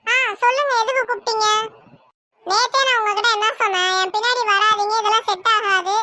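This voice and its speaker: A woman's voice: very high-pitched, steady tone, fairly quick, bright, forceful tone, no room sound, clean studio sound. A woman with a Tirunelveli Tamil accent voicing a shy young woman in a cartoon, musing to herself about a suitor. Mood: curt. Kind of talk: cartoon voice acting.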